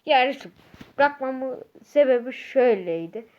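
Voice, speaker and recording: A woman's voice: high-pitched, expressive, moderate pace, dull audio. A woman giving casual gameplay commentary as a YouTuber, ranting in an agitated way and repeating herself a lot. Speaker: gaming YouTuber.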